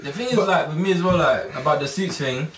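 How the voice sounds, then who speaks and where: Fairly high man, echoey group chat. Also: a little fast, recorded from a distance. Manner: slangy, frequent "like". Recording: echoey, off mic, crowd chatter.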